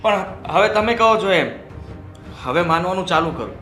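A man's voice: high voice, lively intonation, normal speed, sharp tone, faint music behind. A man playing a tired, complaining young husband who gives in easily. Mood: agreeable. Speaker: newly married husband. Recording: roomy echo.

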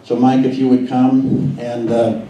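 A man's voice: mid-range voice, level tone, unhurried, dull audio. A man organizing a meeting, introducing a speaker in a rambling, hesitant way with fillers. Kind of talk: speech at a meeting. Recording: echoey room, distant mic, faint noise.

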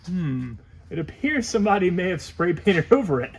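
A man's voice: sits high, very animated, normal speed, husky. A man working in a car shop, chatting casually and bluntly, with the odd curse word. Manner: blunt, profane. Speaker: shop mechanic and co-host.

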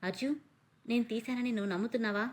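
A woman's voice: fairly high pitch, fast talker, lightly acted. A woman voicing a young woman who pleads earnestly after being wrongly accused, in a storybook reading. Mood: hurt pleading.

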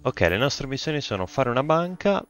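A man giving casual gameplay commentary as a YouTuber, thinking aloud, reading game text out and breaking into excited exclamations. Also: mid-range voice, fairly quick, clear, resonant tone, muffled recording, soft background music. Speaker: gaming YouTuber.

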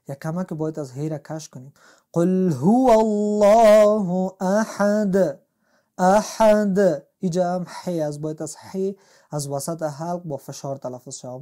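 A man's voice: a little high, dark tone. A man, explaining a tajweed lesson as a Quran recitation teacher, patient and step by step.

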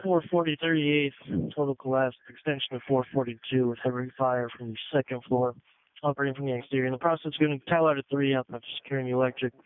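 A man's voice: medium pitch, steady tone, fast talker, no room sound. A man working as an emergency dispatcher, giving clipped procedural read-backs over a two-way radio in police radio style. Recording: tinny phone-like dispatch radio.

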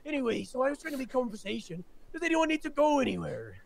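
A man's voice: extremely high pitch, big pitch swings, fast talker, creaky, a crowd in the background, heavily acted. A man playing a blustering, touchy male pirate captain in a put-on pirate accent, growling arrs in a game role-play. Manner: theatrical pirate talk, growled "arr"s.

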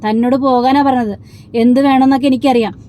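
Harsh male police inspector barking orders, fast and dark-toned, read by a woman. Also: high-pitched, steady tone, natural voice.

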